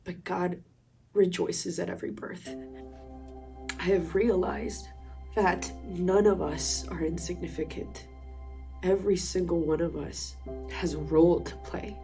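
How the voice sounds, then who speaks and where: A woman from Colombia sharing a personal faith testimony in a reflective, earnest way, with pauses. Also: fairly low pitch, fairly even intonation, creaky. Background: soft instrumental music.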